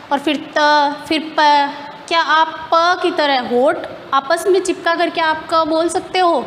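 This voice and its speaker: A woman's voice: sits high, a bit bright, in a large hall, slight background noise. A woman teacher explaining grammar step by step in a classroom lesson, asking questions and answering them herself.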